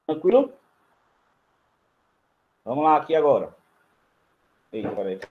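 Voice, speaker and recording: A man's voice: fairly high pitch, very animated, unhurried, narrow, tinny audio. A man with a Brazilian accent teaching a grammar lesson. He explains each step in turn while writing on a board and keeps checking in with the class. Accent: Brazilian Portuguese. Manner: writes on a board while talking.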